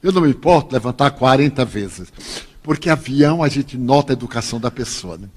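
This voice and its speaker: A man's voice: medium pitch, expressive, brisk, slightly rough. An older Brazilian man giving a spiritist lecture, telling humorous anecdotes and acting out the dialogue. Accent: Brazilian Portuguese. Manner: humorous storyteller, acts out dialogue. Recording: long hall reverb.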